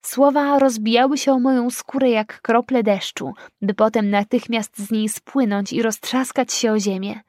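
A woman reading a first-person audiobook in a measured, dramatic delivery. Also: on the high side, fairly even intonation, darkish tone, dry recording, clean studio sound. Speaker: audiobook narrator.

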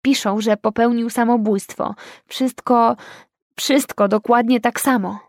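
A woman voicing a shaken young woman who rushes out terrible news without pausing for breath. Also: on the high side, fairly even intonation, dry recording, clean studio sound. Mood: upset.

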